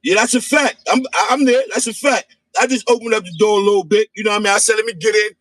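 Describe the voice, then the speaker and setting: A man in a casual livestream chat, taunting in an animated, sing-song way. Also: sits high, fast, no room sound. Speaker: podcast guest. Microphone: phone livestream.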